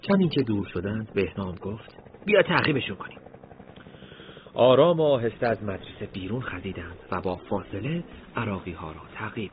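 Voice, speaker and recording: Low-voiced man narrating a war story. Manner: dramatic storytelling with acted dialogue. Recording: dull lo-fi recording, faint noise.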